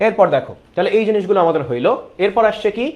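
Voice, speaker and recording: A man's voice: high voice, lively intonation, very fast, a little mellow, muffled recording. A man teaching an online biology class, explaining step by step and often asking his students questions.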